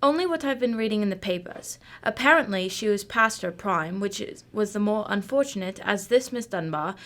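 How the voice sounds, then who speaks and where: A woman playing a composed, analytical female Sherlock Holmes in an amateur radio drama, speaking in a measured, formal and precise way. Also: mid-range voice, animated, a bit bright, lightly acted. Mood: matter-of-fact.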